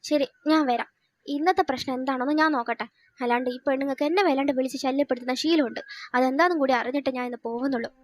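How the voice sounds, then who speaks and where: A woman's voice: very fast, slight background noise, lightly acted. A young woman voicing a weary middle-aged mother who grumbles and guilt-trips her daughter, in a fan audio drama. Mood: grumbling. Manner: grumbling, guilt-tripping, lower and softer.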